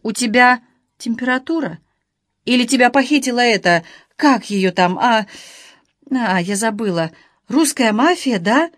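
A woman's voice: on the high side, lively intonation, unhurried, long pauses, no room sound, clean studio sound. A woman reading an audiobook, voicing an emotional lover on the phone who moves from hurt to cold fury. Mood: bewildered. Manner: hurt, then furious and cutting.

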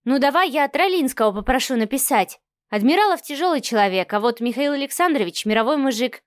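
A woman voicing a feisty, sharp-tongued young heroine in an audiobook. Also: high voice, animated, fairly quick, no echo, studio quality. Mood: apologetic.

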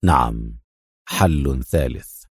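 A man voicing a calm, stern male lieutenant colonel who speaks in a low, firm, measured way. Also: husky, no room sound, clean studio sound, heavily acted.

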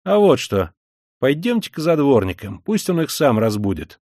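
A man reading an audiobook, voicing an excitable young law student who talks loudly and insistently. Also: mid-range voice, no echo, clean studio sound, natural voice. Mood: eager, urgent. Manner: loud, quick, insistent.

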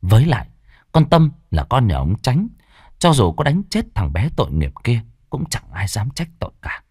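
A man narrating a ghost story in a dramatic, expressive way. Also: medium pitch, normal speed, husky, no room sound, clean studio sound.

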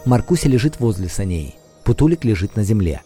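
A man's voice: fairly low pitch, sing-song, fairly quick, soft background music. A man reading scripted audio description of the action in a film. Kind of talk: scripted narration of on-screen action. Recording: loud film soundtrack behind voice.

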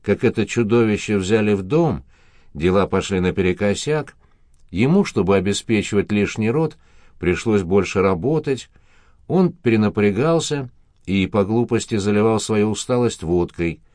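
Low male narrator, measured storytelling, dry close mic. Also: lively intonation, a little mellow, dry recording.

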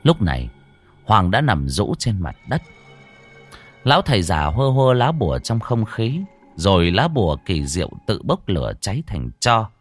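A man narrating a horror audiobook in a slow, dramatic storytelling manner. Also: on the low side, sing-song, faint music behind.

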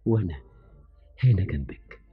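An actor playing a humble, devoted working man with an Egyptian accent, speaking softly and reassuringly in an old radio drama. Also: sits low, animated, moderate pace, slightly rough, exaggerated voice. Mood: gentle. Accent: Egyptian Arabic. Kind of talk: 1970s radio drama acting. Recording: dull old radio recording with faint music.

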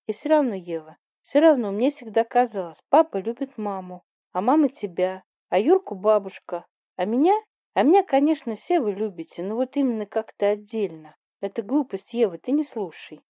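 A woman's voice: medium pitch, lively intonation, normal speed, dark tone, no echo, studio quality, close to an everyday voice. A woman reading the part of a flippant young woman who teases her older sister in an offhand, mocking way. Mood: wistful.

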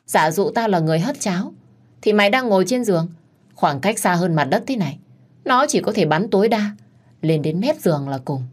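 A woman narrating a dramatic first-person story in an indignant, expressive way. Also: medium pitch, a little fast.

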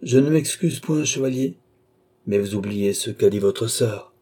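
A man voicing a commanding, mysterious count in an audiobook, giving firm, measured orders. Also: mid-range voice, mellow, close to an everyday voice. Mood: imperious.

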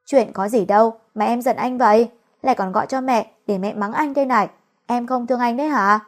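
A woman's voice: a little high, fairly quick, close to an everyday voice. Woman reading as a teasing young husband. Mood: coaxing. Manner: coaxing, playful.

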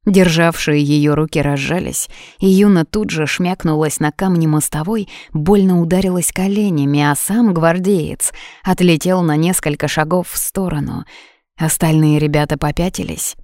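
A woman reads an audiobook in a measured, expressive manner. Her voice sits very low for a woman, and the recording is close and completely dry. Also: no room sound. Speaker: audiobook narrator. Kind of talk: dramatic audiobook narration.

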